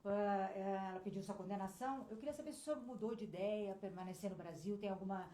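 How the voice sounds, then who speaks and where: A woman's voice: medium pitch, fast talker, mellow, a little hiss or hum. A woman journalist asking questions in a polite, formal way, heard from off-mic. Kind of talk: interview questions. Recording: echoey, distant off-mic voice.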